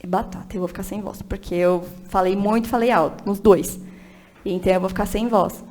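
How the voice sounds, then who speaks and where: A woman's voice: mid-range voice, steady tone, brisk, darkish tone. A woman directing a church children's ministry, chatting animatedly on a podcast, laughing often and urging listeners on with emphatic encouragement. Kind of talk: casual podcast chat.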